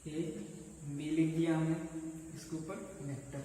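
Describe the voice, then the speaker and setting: Brief: male teacher, slightly high voice, heard from afar in a boomy classroom with a faint hiss. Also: level tone, a little slow, mellow. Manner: conversational, keeps checking in with "okay". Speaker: maths teacher. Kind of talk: classroom lecture at a board. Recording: echoey room, mic far off, faint noise.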